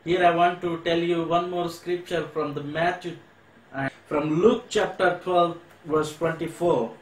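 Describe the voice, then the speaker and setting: Man, Indian English accent, earnest sermon, slow deliberate delivery, slightly high voice, echoey church hall. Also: fairly even intonation, slight background noise. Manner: earnest preaching, slows and swells to stress words, repeats phrases. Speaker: pastor.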